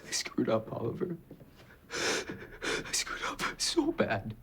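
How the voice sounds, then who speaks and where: A man's voice: deep voice, fast talker, slight background noise, close to an everyday voice. An actor playing an anxious, defensive young man in a TV drama, with an edgy, emotional delivery. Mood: distraught. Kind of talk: TV drama acting. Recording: loud music behind the voice. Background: music.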